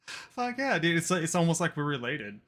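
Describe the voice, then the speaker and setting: A man's voice: on the high side, very animated, normal speed, fairly bright tone. A man hosting a casual podcast, rambling with lots of fillers and swearing freely. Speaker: podcast host. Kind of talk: casual chat.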